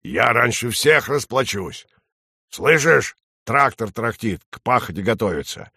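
A man voicing a nagging old female crow with a hoarse, unpleasant voice, scolding slowly. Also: mid-range voice, expressive, pushed and bright, no echo, studio quality, exaggerated voice. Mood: boastful. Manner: slow, scolding.

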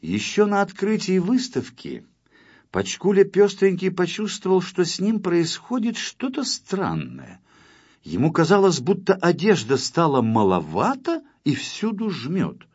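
A man narrating a children's storybook in an expressive, lively way. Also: high voice, unhurried, breathy edge. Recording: dull lo-fi with faint music.

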